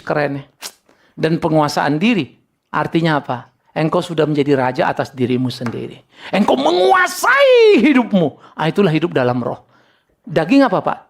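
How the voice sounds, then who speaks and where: A man preaching a sermon as pastor, animated, slipping English words into his talk and acting out members of the congregation. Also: a little high, creaky. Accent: Indonesian.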